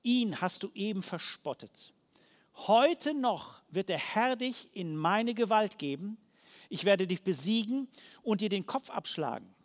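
A man reading the words of young David, bold and defiant, in a slow declamatory way. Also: sits high, lively intonation, big-room sound.

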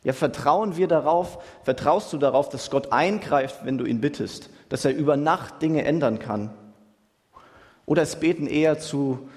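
A man's voice: fairly high pitch, normal speed, darkish tone. A young man preaching a sermon in a casual, youthful way, using slang words and asking his listeners "right?" again and again. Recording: long hall reverb.

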